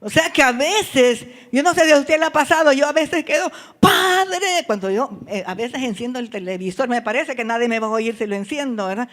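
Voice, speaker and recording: A woman's voice: on the high side, fairly quick, hardly any pauses. A woman preacher delivering a sermon, acting out the story and speaking directly to the congregation. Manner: dramatic, acts out scenes, addresses congregation directly.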